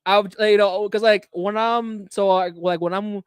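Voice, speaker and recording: A man's voice: sits high, steady tone, normal speed, clear, resonant tone, no room sound. A man hosting a livestream, chatting casually and joking with a playful, laughing manner. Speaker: livestream host. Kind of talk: casual streaming banter.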